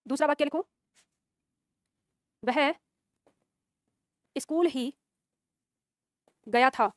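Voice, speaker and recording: A woman's voice: sits high, drawn-out words, no room sound, studio quality. A woman teaching a Hindi grammar exam-prep class, dictating notes, repeating lines and quizzing her students.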